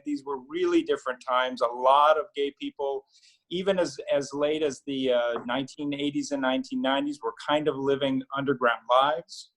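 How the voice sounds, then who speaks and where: A middle-aged man, an attorney, telling a story on a video call panel in a relaxed way with many fillers and restarts. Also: a little high, poor audio. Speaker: attorney and newspaper founder.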